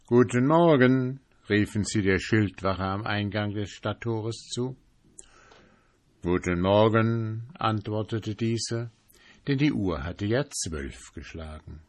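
Slow, low-voiced male storyteller. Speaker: narrator. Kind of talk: storybook reading.

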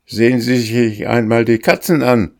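A man doing a panicked old miser shouting in alarm. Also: steady tone, normal speed, creaky, no room sound, studio quality, lightly acted. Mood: frantic, shouting. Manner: shouting in alarm, voice pushed higher. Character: miserly, suspicious older man, easily panicked.

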